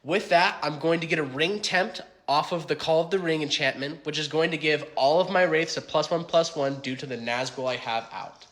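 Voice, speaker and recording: A man playing a calm, smug card game mentor explaining his moves in a comedy skit. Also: on the high side, moderate pace, few pauses, lightly acted. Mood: smug, matter-of-fact.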